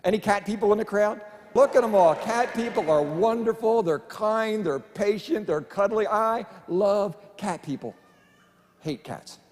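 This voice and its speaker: High-voiced man telling stand-up stories. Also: normal speed. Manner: chatty storytelling with self-deprecating punchlines. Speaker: stand-up comedian. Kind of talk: family-friendly stand-up comedy. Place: church stage before a live audience. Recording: live hall with long reverb and faint room noise.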